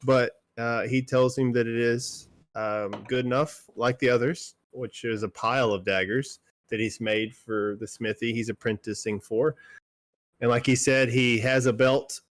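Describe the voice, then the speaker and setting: A man's voice: medium pitch, steady tone, unhurried. A man narrating as game master in a tabletop game, casual and rambling, full of fillers.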